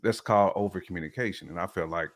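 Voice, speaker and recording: A low-voiced man with a Southern American accent talks fast as a co-host in a casual chat. He explains his perspective in a conversational manner, repeatedly checking in with "you know what I'm saying."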